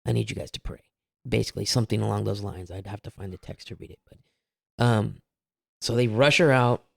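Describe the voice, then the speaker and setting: A man's voice: fairly low pitch, brisk, creaky, no echo, studio quality. A man telling his family's story as a guest, candid and rambling, with a few self-aware laughs. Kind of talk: casual personal storytelling.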